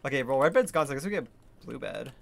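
Rambling young streamer, lively voice. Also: male voice, mid-range voice, fast, gravelly. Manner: rambling, filler-heavy, laughs easily. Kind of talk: casual gaming chat. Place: home room.

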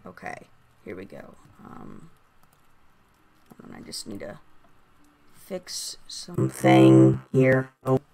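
A woman giving casual, rambling gameplay commentary through a voice changer, halting and prone to excited exclamations. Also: sits low, a little hiss or hum. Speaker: gaming video host.

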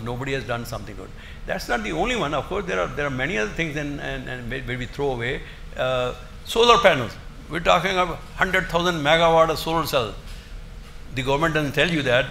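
An older man giving an academic lecture in a halting, emphatic way, often repeating his words. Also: mid-range voice, gravelly, bright, forceful tone. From India. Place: indoor lecture room, seated at a desk. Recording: roomy echo, faint background noise.

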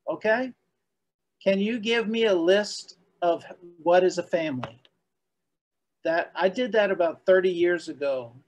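A man with a high voice hosts a community meeting on a video call, speaking casually but hesitantly and restarting his sentences often. The audio quality is poor.

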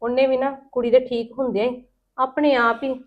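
A woman acting as an aunt in a scripted family drama, scolding and emotional, her voice rising loud when upset. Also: sits high, level tone, brisk, muffled recording.

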